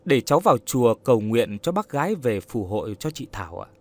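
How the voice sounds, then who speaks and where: Storybook role: earnest young woman, put on by a male narrator, soft-spoken, courteous, lively pitch. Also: brisk. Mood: gently probing. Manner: soft, coaxing, polite.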